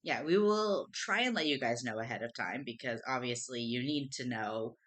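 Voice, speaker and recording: A woman's voice: extremely low pitch, moderate pace, a bit bright. A woman co-hosting a casual livestream, emotional and rambling, repeating herself as she talks to chat. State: tearful at times. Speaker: streamer co-host.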